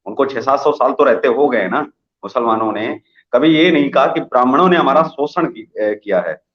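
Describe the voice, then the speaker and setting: Brief: male news interviewer, mid-pitched, pushes rhetorical questions, roomy dull broadcast sound. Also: animated, moderate pace. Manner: argumentative, long rhetorical questions. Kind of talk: opinionated live TV interview.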